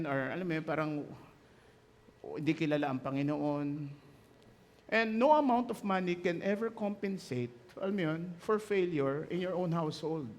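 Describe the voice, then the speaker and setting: High-voiced Filipino pastor preaching. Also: male voice. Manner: mixes English and Tagalog, acts out the quoted people in his stories. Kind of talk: sermon.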